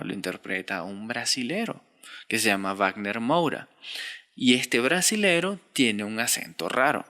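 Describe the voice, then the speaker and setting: A man teaching screenwriting in a relaxed, conversational lecture, often asking his listeners rhetorical questions. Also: mid-range voice. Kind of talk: online lecture.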